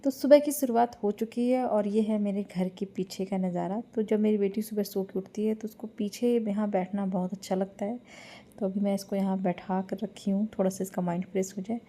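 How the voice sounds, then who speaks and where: A woman's voice: medium pitch, fairly even intonation, a little fast, dark tone. A young woman chatting through her morning routine for a home vlog, explaining what she is doing as she goes. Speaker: vlogger. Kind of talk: casual home vlog narration. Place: at home, kitchen and house.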